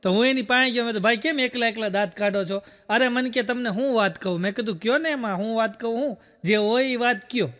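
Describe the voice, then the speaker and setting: A male comedian, telling folksy jokes to a live audience. His voice sits very high and comes across bright and forceful. A long reverb trails behind every line. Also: quick pace, hardly any pauses. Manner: folksy storytelling, full of "I said" and "he said". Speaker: stand-up comedian. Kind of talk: stand-up joke telling on stage. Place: stage show with a live audience.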